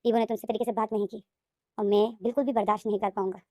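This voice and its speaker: A woman's voice: medium pitch, steady tone, racing, dark tone, no echo, studio quality, natural voice. A woman voicing a stern wealthy father who scolds his son and shields his wife.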